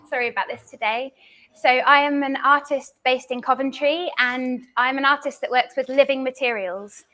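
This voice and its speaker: A woman artist speaks at a live panel event in a slightly high voice. She is chatty and self-deprecating, and her talk is dotted with small fillers. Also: fairly bright tone. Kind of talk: introducing herself on a live panel.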